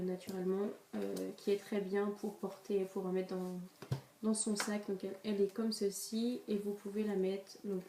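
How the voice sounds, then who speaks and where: A woman's voice: medium pitch, mellow, distant mic. Young woman chatting through a makeup haul. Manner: chatty, hesitant, many fillers and restarts. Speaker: beauty vlogger. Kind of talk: casual makeup haul review. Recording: echoey room, voice a bit off-mic, faint noise.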